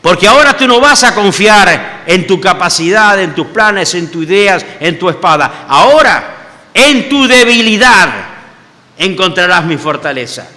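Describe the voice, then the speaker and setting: A patient divine teacher presses his questions slowly and firmly, as a man acts him out. The voice drops low yet stays bright and sharp. A long hall reverb carries every word. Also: sing-song. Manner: low, slow, gently insistent questioning.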